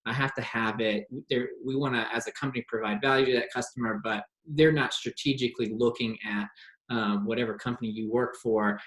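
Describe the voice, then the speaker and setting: A man's voice: medium pitch, steady tone, a little fast, a bit bright. A man taking part in a video call discussion, speaking thoughtfully with some restarts. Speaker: participant. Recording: roomy echo.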